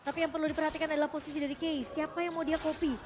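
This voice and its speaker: A woman's voice: sits high, little pitch movement, rapid-fire. A woman with an Indonesian accent giving analytical esports commentary as a co-caster. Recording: loud music bed under broadcast.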